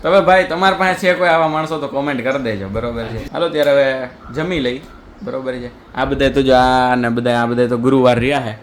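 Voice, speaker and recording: A man's voice: medium pitch, steady tone, brisk, a little hiss or hum. Joking young man vlogging from home. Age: young adult. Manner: joking, teasing, chatty. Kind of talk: casual vlog chat. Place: family home indoors.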